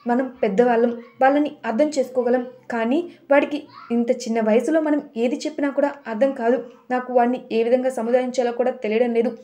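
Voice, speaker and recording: A woman's voice: on the high side, fairly even intonation, fairly quick, warm tone, natural voice. A woman voicing a worried, caring older woman appealing for help in a storybook retelling. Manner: anxious, appealing.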